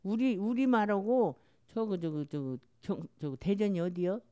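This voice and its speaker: A woman's voice: mid-range voice, animated, normal speed, warm tone, smooth, no echo. Older woman with a Jeolla dialect. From Jeolla, Korea. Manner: rambling, dialect-heavy storytelling. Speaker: interviewee. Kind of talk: casual chat.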